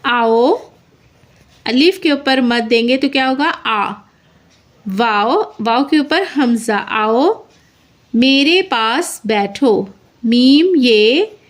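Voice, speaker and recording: Dictating a story for handwriting practice, this Urdu writing teacher spells out every word letter by letter as she writes, then says it again. She speaks extremely slowly in an expressive voice that sits on the high side.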